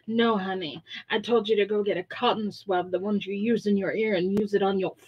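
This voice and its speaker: A woman's voice: medium pitch, steady tone, fairly quick, slightly rough, lo-fi sound. A woman co-hosting a casual chat, playful and goofy, fond of repeating silly words. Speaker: co-host.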